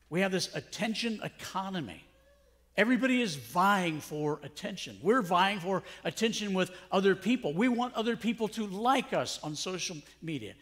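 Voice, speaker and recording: A man's voice: high voice, a bit bright. A middle-aged male pastor preaching a sermon in a conversational way, full of rhetorical questions. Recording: long hall reverb.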